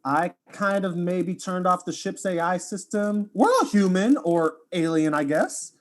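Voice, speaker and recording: A man's voice: sits high, animated, measured pace. An actor playing a laid-back young male video streamer in a student audio drama, talking in casual slang.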